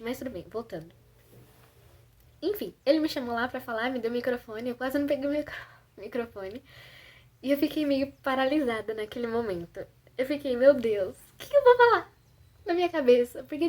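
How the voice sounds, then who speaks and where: A young Brazilian woman with a slightly high voice tells a personal story in a casual vlog. She sounds self-conscious and chatty, and she keeps reaching for fillers as she goes. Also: darkish tone. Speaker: vlogger.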